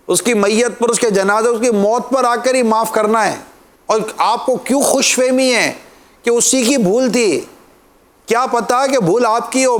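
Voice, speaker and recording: A male preacher giving an impassioned Islamic sermon, pleading with listeners and dropping to soft, earnest tones. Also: very high voice.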